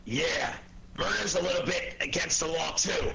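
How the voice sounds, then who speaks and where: An actor playing a gruff, impatient police inspector in a 1940s radio drama, barking his lines with sardonic bluster. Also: a little high, moderate pace, sharp tone. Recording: slightly noisy old 1940s radio recording.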